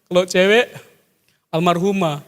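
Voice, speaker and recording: A man preaching a sermon, animated, jumping from loud exclamations to soft asides and mimicking people for laughs. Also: sits high, a little slow. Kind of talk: sermon with jokes. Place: church hall. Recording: long church hall reverb.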